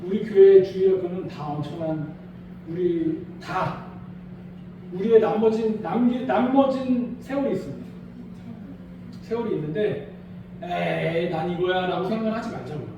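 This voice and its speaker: A male pastor preaching a Sunday sermon in a small church, animated and acting out quoted voices. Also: sits high, moderate pace, pauses often, very echoey, distant mic, slight background noise, rough recording.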